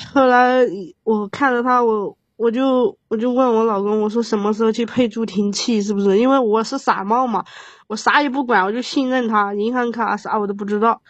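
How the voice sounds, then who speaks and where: A woman in her thirties tells a long, painful personal story on an advice call, rambling and halting with many restarts. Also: on the high side, fairly even intonation, dry recording. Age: 30s. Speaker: caller. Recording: dull lo-fi sound, dry.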